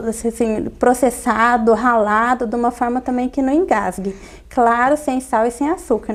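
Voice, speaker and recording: Woman doctor, high bright-ish voice, calm teaching tone, goes over steps again and again. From Brazil. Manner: calm, instructive, repeats key points. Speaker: pediatrician. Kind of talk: interview explanation.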